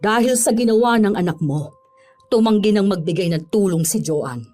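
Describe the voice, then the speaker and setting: A woman's voice: medium pitch, lively intonation, normal speed, faint music behind, close to an everyday voice. A woman playing a scolding older mother-in-law. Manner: scolding, sharp retorts. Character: stern older mother-in-law, protective grandmother. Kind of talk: Filipino radio-style horror drama acting.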